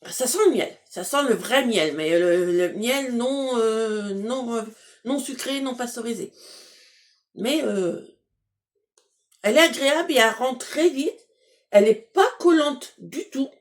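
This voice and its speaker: Slow-talking chatty woman. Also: fairly high pitch, expressive. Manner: chatty, hesitant, many fillers and restarts; laughs at herself. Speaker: beauty box unboxing vlogger. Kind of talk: casual unboxing chat.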